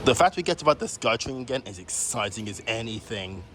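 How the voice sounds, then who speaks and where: Slightly fast and a bit bright, this travel vlogger's mid-range voice is animated as he narrates casually on the move. He's in a plane and an airport, with travel and engine noise clearly heard behind him.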